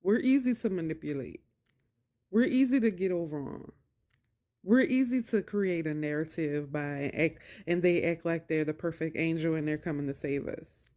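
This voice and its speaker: In a low, mellow voice at normal speed, a woman talks casually to her viewers about narcissistic abuse through a personal story. She uses colloquial phrasing and emphatic repetition to drive her points home.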